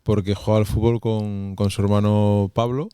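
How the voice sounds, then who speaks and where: A man's voice: lowish voice, flat delivery, moderate pace, dark tone, smooth, dry recording, studio quality. A man around fifty, hosting a casual interview chat in a rambling, friendly way with many fillers. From Asturias, Spain. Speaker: podcast host.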